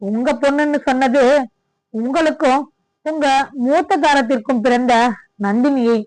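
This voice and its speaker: A woman voicing a scheming, sharp-tongued middle-aged mother who scolds in a shrill way. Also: unhurried, no echo, low-quality recording. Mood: angry scolding.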